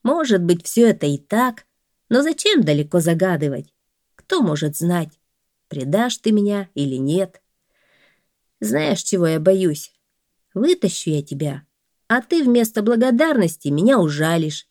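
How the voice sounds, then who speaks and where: A woman's voice: fairly low pitch, sing-song, a little slow, darkish tone, dry recording. Woman doing a plain-spoken woodcutter, questioning, dry sound. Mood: doubtful. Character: doubtful, good-humored male woodcutter.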